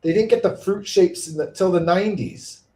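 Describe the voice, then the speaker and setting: A man's voice: high voice, normal speed, warm tone, a little hiss or hum. A man in a casual chat who grumbles and laughs his way through complaints.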